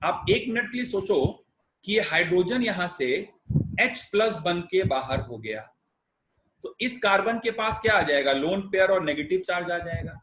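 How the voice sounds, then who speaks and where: A man's voice: sits high, animated, moderate pace, fairly bright tone, a little hiss or hum, low-quality recording. A young man teaching chemistry in a conversational way, often checking that students are following. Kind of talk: explaining a lecture.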